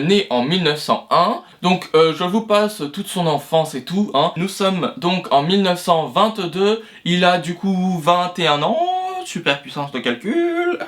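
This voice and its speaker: A man's voice: sits high, a bit bright. A man hosting an explainer video, talking it through casually with many fillers and restarts and the odd self-mocking aside. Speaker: video host.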